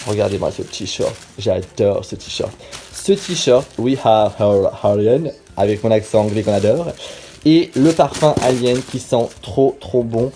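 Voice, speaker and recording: Chatty young man, mellow voice. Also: medium pitch. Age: 20s. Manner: chatty, enthusiastic, lots of fillers. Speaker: vlogger. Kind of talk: casual vlog chat to camera. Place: small bathroom at home, resonant.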